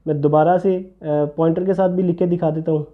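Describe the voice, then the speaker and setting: A man's voice: level tone, narrow, tinny audio. A man teaching handwriting step by step, patiently explaining each stroke as he writes. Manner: patient, explains while writing, drops low for "see this". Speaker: calligraphy teacher.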